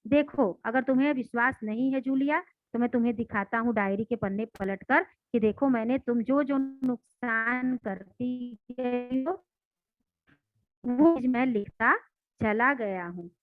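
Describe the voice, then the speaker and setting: Brief: stern cheating homeowner who shouts at his governess, read aloud by a woman teacher, higher pitch, dry phone-line recording. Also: a little slow, no room sound, soft background music, lightly acted. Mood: stern, scolding. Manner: harsh, scolding, loud. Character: stern scheming male homeowner, scolding. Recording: dry, tinny phone-like sound.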